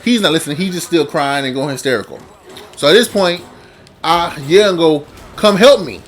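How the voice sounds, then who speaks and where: A man casually telling a long personal story to camera, rambling and repeating himself, with sudden jumps in pitch and loudness. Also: animated, a little fast, slight background noise.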